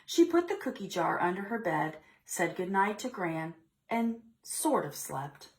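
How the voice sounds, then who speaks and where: A woman runs a preschool storytime, reading a picture book aloud with expression and stopping to ask the children questions. Her voice is fairly low and sing-song.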